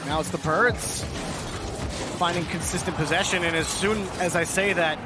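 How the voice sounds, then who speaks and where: A man's voice: high voice, moderate pace, loud music behind the voice. A man doing esports play-by-play commentary as a caster, calling the action in clipped phrases.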